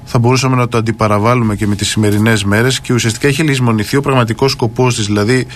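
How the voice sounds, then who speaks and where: An earnest man talks through scripture on a radio discussion, pausing now and then with small fillers before quoting long passages. His pitch sits at an ordinary middle level. A faint noise runs under his voice. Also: steady tone. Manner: earnest explaining, many hesitation fillers; quotes scripture aloud at length. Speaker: radio Bible discussion speaker.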